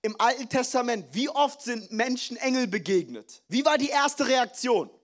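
A young male pastor preaches with a high, bright-sounding voice. He speaks in a lively, joking manner, mixing English phrases into his sermon. His delivery swings between energetic emphasis and quieter, personal storytelling. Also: moderate pace.

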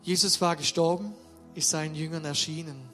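A man preaching a sermon with emphatic delivery, swinging between loud, drawn-out stresses and quiet asides. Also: a little high, fairly even intonation, soft background music. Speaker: pastor.

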